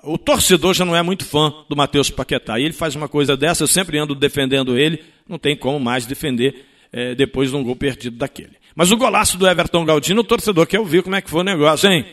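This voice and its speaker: Forceful, bright-voiced Brazilian radio man. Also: a little high, fast talker. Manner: emphatic, colloquial, repeats himself for emphasis. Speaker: sports radio show host. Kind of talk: conversational sports radio monologue.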